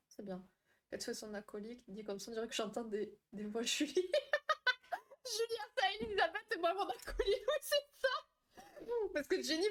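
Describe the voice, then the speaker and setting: A woman's voice: a little high, a bit bright. A young woman chatting casually with viewers on a live stream, laughing often and answering their comments. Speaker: live stream host, therapist.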